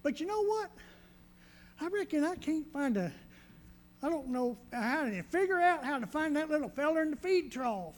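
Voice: high-pitched, sing-song, normal speed, long reverb tail. A performer playing a bumbling, good-natured country shepherd in a nativity skit, speaking in a rural Southern US drawl full of homespun sayings. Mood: folksy.

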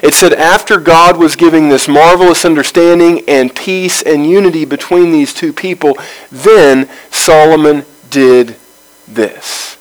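A man leads a Bible study, reading scripture aloud before explaining it verse by verse in a measured way, pausing between phrases. His voice is fairly high, and the recording quality is low.

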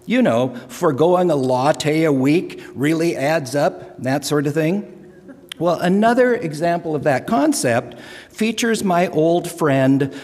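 A man's voice: on the high side, darkish tone. An older man speaking to his congregation about the pledge drive, telling folksy stories with self-deprecating asides. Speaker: lay speaker for stewardship drive. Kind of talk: humorous church announcement with jokes. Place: church sanctuary. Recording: long church reverb.

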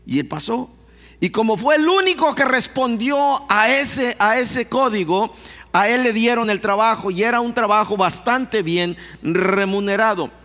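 A man's voice: high voice, a little slow, a bit bright. A man preaching to a congregation, telling a story and asking them questions. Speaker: pastor. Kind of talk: sermon. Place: church hall. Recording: long hall reverb.

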